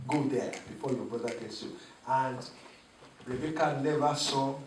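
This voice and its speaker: A man preaching a sermon as pastor, animated, chuckling and calling for the congregation to respond. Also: medium pitch, normal speed, a little hiss or hum. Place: church. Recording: echoey church room, mic at a distance.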